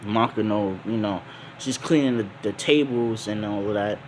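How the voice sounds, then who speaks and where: A man's voice: on the low side, normal speed, slight background noise. A young man casually telling a made-up fan story, laid-back and slangy, rambling with lots of ums.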